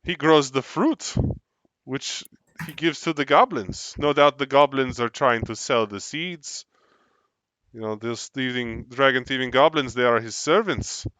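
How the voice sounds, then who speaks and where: A wary female kobold leader, as a man puts her on, picks her words slowly and formally. The sound is dry and close. Her pitch sits in an ordinary middle range. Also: a bit bright, no echo, lightly acted. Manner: halting, formal speech.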